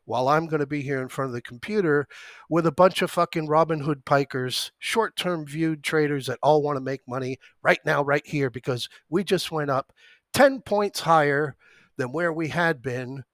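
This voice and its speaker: Trading stream host, man in his forties, somewhat high voice, foul-mouthed storyteller who drifts between anecdote and tickers, dry close sound. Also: moderate pace, fairly bright tone, no echo. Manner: profane, rambling, jumps between anecdote and stock prices. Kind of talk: livestream storytelling mixed with market commentary. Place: at his computer at home.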